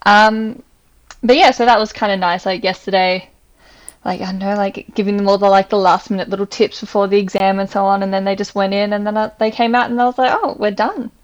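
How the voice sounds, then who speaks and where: A young Australian woman who teaches, co-hosting a casual chat podcast, talking fast and loose with lots of "like" fillers and laughs. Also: mid-range voice, flat delivery, lo-fi sound.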